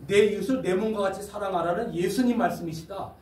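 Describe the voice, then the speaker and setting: Gruff bossy male convict, scolding, as a preacher acts him out, high-pitched, roomy hall, far off. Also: fast talker, a little mellow, natural voice. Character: gruff male death-row prisoner preaching bluntly.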